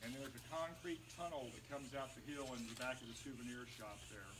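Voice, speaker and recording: A man's voice: medium pitch, fast. A man working as a cave tour guide, explaining things to a group in a plain-spoken way. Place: tour site at and inside a cave. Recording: echoey, distant from mic, background noise.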